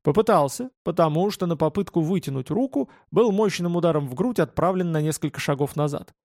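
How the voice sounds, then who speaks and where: A man narrating a first-person fantasy audiobook in a calm, steady reading voice. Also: a little high, a little fast, no echo, clean studio sound.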